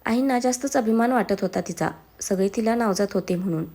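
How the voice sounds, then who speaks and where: A woman's voice: on the high side, brisk, dark tone. Brief: woman narrator reading a domestic story, plays each role herself. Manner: reads all characters herself.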